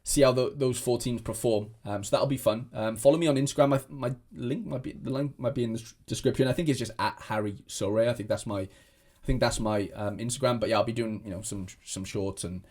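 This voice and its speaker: A young Welsh fantasy football content creator rambles to camera in casual chat, restarting often and leaning on fillers. His voice sits at medium pitch, fairly quick, with a darkish tone.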